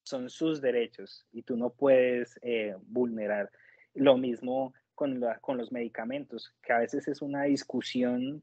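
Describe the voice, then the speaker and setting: A man from Colombia, giving a conversational testimonial and pausing to search for his words. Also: mid-range voice, a little mellow, husky, no echo, highs cut off. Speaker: nurse working in the United States, interviewee.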